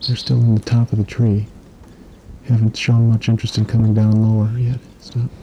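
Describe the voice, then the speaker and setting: Hushed man dictating field notes outdoors. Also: completely flat delivery, moderate pace, dull audio, slight background noise. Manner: low, hushed, clipped observations, each ending in "stop". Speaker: field researcher logging bird activity. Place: outdoors at a forest clearing at dawn.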